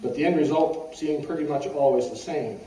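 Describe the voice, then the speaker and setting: A mature man delivers a eulogy from notes as a string of folksy, wry stories. His voice is mellow and slightly high for a man. He is heard some way from the mic in a roomy space. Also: moderate pace. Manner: wry, folksy storytelling, often clearing the throat. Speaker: eulogist at a funeral. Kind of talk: personal eulogy read from notes, with humorous anecdotes. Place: echoey room at a funeral service. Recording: roomy, distant mic with faint background noise.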